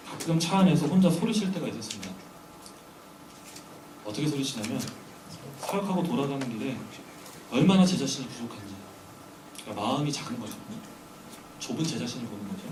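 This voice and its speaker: A man preaching a sermon to a congregation, earnest and full of rhetorical questions. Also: medium pitch. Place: church sanctuary during a weekday service. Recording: echoey hall, distant mic, background noise.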